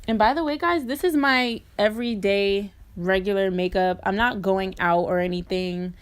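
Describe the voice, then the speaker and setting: A woman's voice: medium pitch, normal speed, clear, resonant tone. Chatty woman doing a makeup voice-over. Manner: chatty, informal, addressing viewers directly. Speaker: beauty vlogger. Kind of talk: casual makeup tutorial voice-over.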